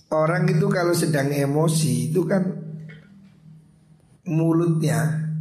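Slow, deliberate kyai. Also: male voice, on the high side, darkish tone. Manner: reads Arabic then glosses it in Javanese and Indonesian; slow, deliberate delivery with frequent throat clearing. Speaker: kyai teaching a classical Islamic text. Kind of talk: pesantren kitab study lecture. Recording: echoey room with faint music.

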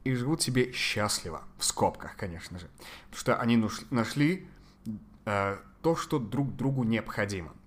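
A man giving conversational psychological advice as a podcast guest, sometimes halting to search for Russian words. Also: fairly low pitch, lively intonation.

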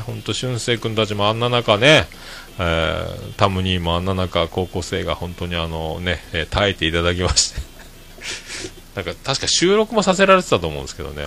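Low-voiced man chatting casually, lilt. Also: gravelly, a bit bright. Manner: rambling, many fillers, laughs at own jokes. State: hoarse. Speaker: podcast host. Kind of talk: casual solo chat to listeners.

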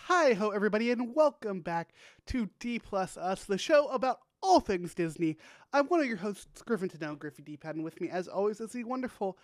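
A man's voice: high-pitched, animated, brisk, no echo. Upbeat male podcast host, dry sound. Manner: upbeat, rambling with fillers. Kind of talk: casual podcast chat.

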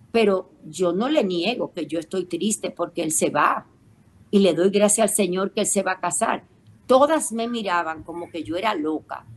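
Middle-aged woman, radio co-host, unhurried and emotive storyteller who acts out the voices of others. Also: mid-range voice. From Caribbean.

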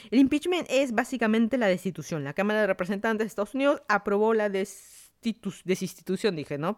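A man's voice: high-pitched, smooth. Man musing on the news. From Peru. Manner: musing, thinks aloud with frequent restarts. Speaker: podcast host. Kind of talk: casual news commentary monologue.

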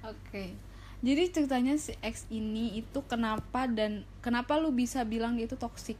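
A woman's voice: on the high side, normal speed, a little mellow, a little hiss or hum, low-quality recording. A young woman hosting a casual, slangy podcast, with an impediment that slurs her r sounds. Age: young adult. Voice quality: slurred r sounds, a speech impediment. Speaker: podcast host.

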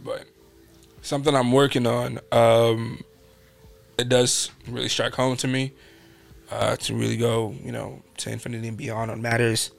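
A man's voice: mid-range voice, flat delivery, normal speed, gravelly, soft background music. A young man from New York hosting a podcast, telling stories casually and acting out quotes in a raised voice. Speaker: podcast host. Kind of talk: casual storytelling chat.

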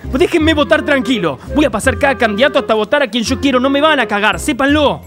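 A man's voice: very high-pitched, fast talker, fairly bright tone, soft background music. A man playing an exasperated, foul-mouthed voter with an Argentine accent, swearing and complaining sarcastically in a radio comedy sketch. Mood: grumbling. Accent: Argentine Spanish. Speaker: comic actor.

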